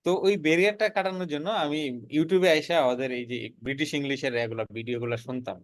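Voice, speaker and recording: A man's voice: a little high, fairly even intonation, fast talker, no echo. A young man, telling the story of his freelancing career in an earnest, casual way and often repeating words as he builds a point. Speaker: freelancer guest.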